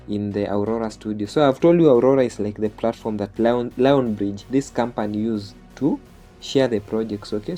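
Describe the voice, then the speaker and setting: With a fairly low, mellow voice, a Kenyan man hosts a tutorial about online jobs, guiding viewers through his screen share step by step. He is a native Swahili speaker with a Kenyan accent who keeps ending phrases with "okay?" to check in.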